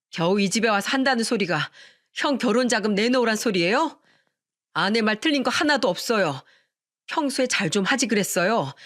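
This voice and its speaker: A woman's voice: medium pitch, a bit bright, close to an everyday voice. A woman voicing an earnest husband in a radio story, speaking firmly and pleadingly to his mother and his wife. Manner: firm and pleading, then tender.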